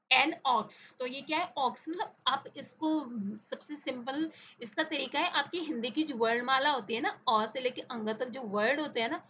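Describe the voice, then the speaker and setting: Bright high-voiced woman teaching a lesson. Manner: mixes Hindi and English, repeats questions to pupils. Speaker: English teacher. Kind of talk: explaining a school lesson. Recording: dull lo-fi recording with faint noise.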